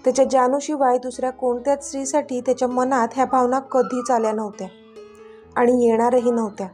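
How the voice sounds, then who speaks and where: A woman storyteller reading a serialized romance. Her narration is expressive and dramatic, in a slightly high voice. Faint background music plays throughout. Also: brisk.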